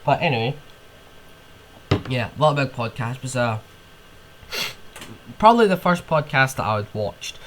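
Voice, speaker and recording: A man's voice: mid-range voice, expressive, unhurried, pauses often, noisy background. A young man with a cold, hosting a podcast on his own and ranting in rambling, casual chat, with sniffs and swearing. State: ill with a cold. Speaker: podcast host.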